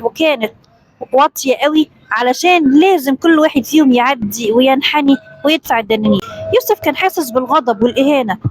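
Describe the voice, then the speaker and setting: A woman with an Egyptian accent narrating a children's story in a lively, dramatic way. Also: sits high, rough recording.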